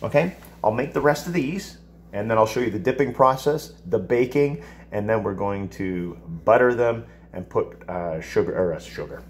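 A man in his fifties teaching a casual cooking demonstration in a home kitchen, explaining each step in a relaxed, chatty way. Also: fairly low pitch, moderate pace, a little hiss or hum. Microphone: camera across the counter.

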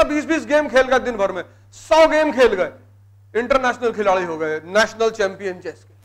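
Emphatic high-voiced Hindi-speaking teacher. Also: male voice, fairly bright tone. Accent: Hindi, North Indian. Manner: emphatic, repeats key words, mixes in English terms. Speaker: civil services exam teacher. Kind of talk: motivational classroom lecture. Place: live classroom session.

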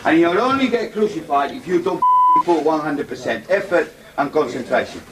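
Male team-talk giver, highish animated voice, exhorting, distant mic in noisy surroundings. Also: moderate pace. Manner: exhorting, repeating phrases.

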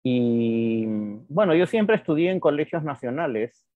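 A man's voice: a little high, lively intonation, a little slow, no room sound. Frank man, dull dry recording. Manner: frank, reflective, emphatic repetition. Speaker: psychotherapist guest. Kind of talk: interview answers.

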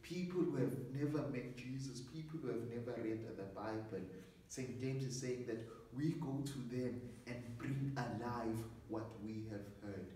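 A man's voice: medium pitch, measured pace, warm tone, a little hiss or hum. A middle-aged man, an assistant parish priest giving an earnest sermon preparation talk, often repeating words as he thinks, seated in a small study. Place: small study with bookshelves, indoors. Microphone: camera at a distance. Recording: echoey room, voice from far off.

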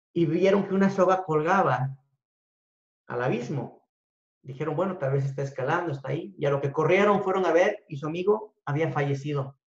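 A man giving a motivational talk to an audience, telling a story in an animated way that swings between loud and hushed. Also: on the high side. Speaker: speaker at a business talk. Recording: echoey room, dull lo-fi sound.

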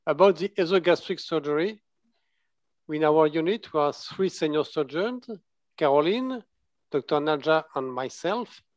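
A man's voice: a little high, lively intonation, dry recording. A man from France with a French accent, a surgeon giving a conference case presentation in English and often stopping to restart his words. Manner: halting, self-correcting, searching for words. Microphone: video call. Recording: dull lo-fi video call audio.

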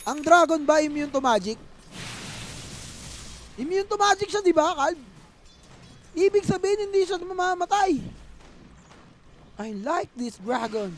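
A young man with a Filipino accent giving excited, joking live game commentary, mixing in English phrases. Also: very high-pitched, measured pace, pauses often, a little hiss or hum. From Philippines. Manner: joking, playful, mixes English phrases, bursts into excited yells. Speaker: esports commentator.

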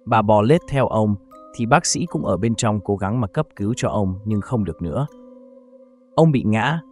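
A man narrating a scripted horror story in a steady storytelling delivery. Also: medium pitch.

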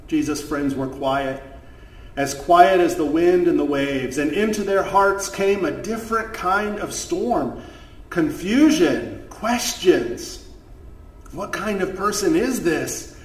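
A man, a pastor, telling a story at a children's chapel service, lively in the tale and soft and gentle in the prayers. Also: a little high, slow pace. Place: church chapel. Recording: echoey room, voice from far off the mic.

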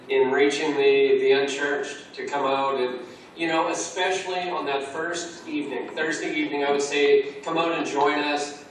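A man's voice: a little high, slight background noise. A man being interviewed over a call about a church course, talking earnestly and restarting his sentences often. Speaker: Alpha course trainer, interviewee. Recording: echoey distant call audio.

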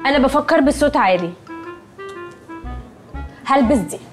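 A woman's voice: high voice, animated, moderate pace, soft background music. An actress playing a snobbish young woman with an Egyptian accent who drops in English words and is dismissive, in a film comedy. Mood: haughty. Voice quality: haughty dismissive delivery.

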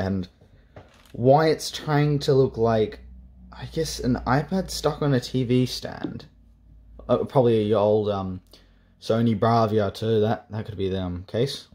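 A man's voice: medium pitch, dark tone. Sarcastic young man reviewing old tech. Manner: sarcastic, joking asides. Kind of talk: casual tech review vlog.

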